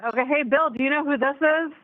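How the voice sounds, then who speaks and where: A woman's voice: sits high, quick pace, crowd noise. A woman calling in to a talk show, chatting casually and teasing, her phone line breaking up. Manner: teasing, playful. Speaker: caller. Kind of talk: casual call-in chat. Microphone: telephone.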